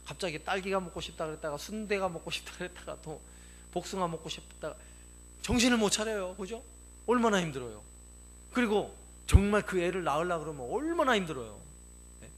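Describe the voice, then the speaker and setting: A man's voice: high-pitched, lively intonation, a little fast. A male pastor preaching a sermon, emphatic, repeating key phrases and putting questions to the congregation.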